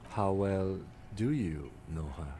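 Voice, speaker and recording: A man voicing a calm, reserved police lieutenant who speaks in a measured, quiet way. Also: low-pitched, noisy background, heavily acted.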